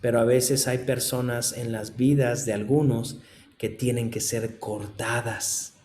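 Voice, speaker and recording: Emphatic pastor preaching. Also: male voice, medium pitch, level tone, measured pace, a little hiss or hum. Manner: emphatic, swings between loud exclamations and soft asides. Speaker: pastor teaching a discipleship class. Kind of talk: sermon.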